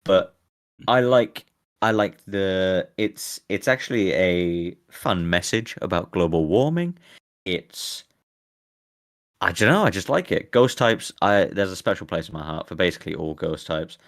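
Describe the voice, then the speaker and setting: A man with a low voice hosting a live stream, rambling casually and laughing easily. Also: animated, measured pace. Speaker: streamer host. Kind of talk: casual chat.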